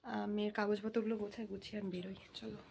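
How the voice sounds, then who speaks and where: A woman, a mother, narrating her day in a casual vlog in a soft, low murmur, sometimes cooing baby talk to her daughter. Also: level tone, very fast, creaky. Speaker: vlogger and mother of a baby girl. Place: home, then outdoors on the street. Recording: noisy handheld phone vlog audio. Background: wind and outdoor noise.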